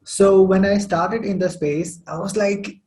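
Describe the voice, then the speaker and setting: Chatty high-voiced young man. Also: steady tone, a little slow, darkish tone, low-quality recording. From Saudi Arabia. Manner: chatty storytelling with many fillers. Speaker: podcast guest. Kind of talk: casual interview chat.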